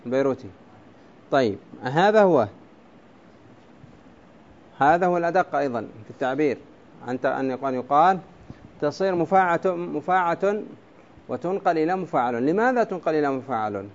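Brisk and animated, with long pauses, a man with a slightly high voice teaches Arabic prosody step by step and fires questions at his students. It's captured in a dull, lo-fi classroom recording.

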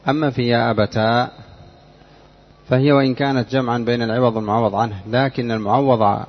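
A man teaching an Arabic grammar lesson in a measured, explanatory way, drilling his students with repeated questions. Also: mid-range voice, steady tone. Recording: dull lo-fi lecture recording.

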